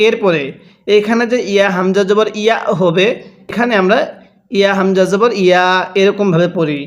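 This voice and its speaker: High-voiced man drilling slow recitation. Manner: stretches recited words very slowly, then explains rules rapidly; repeatedly asks listeners to read along with him. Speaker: Quran reading teacher. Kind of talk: slow recitation drill with quick spoken explanations.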